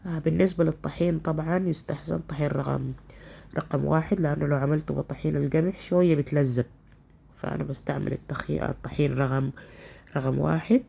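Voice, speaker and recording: A woman's voice: sits low, fairly even intonation, fast talker, dark tone, slight background noise. A woman with a stuffy, congested nose from a cold, chattily explaining home cooking step by step in a casual way. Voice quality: nasal, congested, husky. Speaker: cooking vlogger, host.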